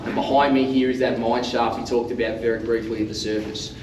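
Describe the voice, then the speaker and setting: An Australian man guiding a group tour in a loud, projecting teacher voice, with informal, jokey patter. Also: mid-range voice, flat delivery, a little fast, recorded from a distance, crowd noise. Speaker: underground mine tour guide. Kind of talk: guided tour talk to a group. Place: underground mine tunnel. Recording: echoey underground space, off mic, faint noise.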